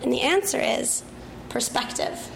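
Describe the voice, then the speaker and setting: A young woman with a hoarse, croaky frog voice, partly lost from talking, giving a scientific presentation as a graduate researcher. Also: a little high, expressive, unhurried, a little hiss or hum, poor audio. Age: young adult.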